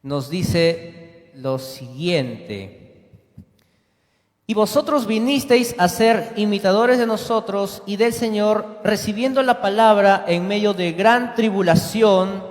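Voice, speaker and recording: A man's voice: high-pitched, lively intonation, slow. A man preaching a sermon in church, asking the congregation questions and acting out short quoted dialogues. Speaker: lay preacher. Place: church sanctuary. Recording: echoey church hall.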